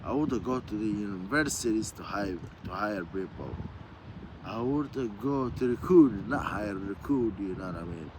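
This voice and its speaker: A man from Somalia with a fairly low voice talks casually to his viewers in a loose vlog. He circles back on his points and keeps checking in with "you know what I mean". It's recorded outdoors with clear street and vehicle noise behind him. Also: lively intonation, normal speed. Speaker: vlogger. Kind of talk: casual rambling monologue.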